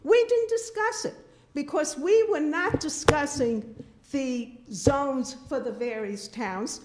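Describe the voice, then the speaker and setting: In a meeting room, an older woman offers an indignant public comment at a town board meeting, her high-pitched voice slow and darkish in tone, with slight background noise. She speaks emphatically into a podium microphone, repeating herself, filmed from a distant camera.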